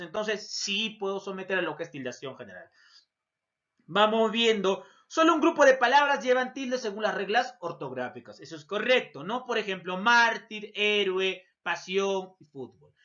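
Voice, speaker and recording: Bright-voiced man teaching a lesson. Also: high voice. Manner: explains by asking and answering its own imagined student questions; addresses listener as dear student. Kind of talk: recorded lesson. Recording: dull lo-fi recording.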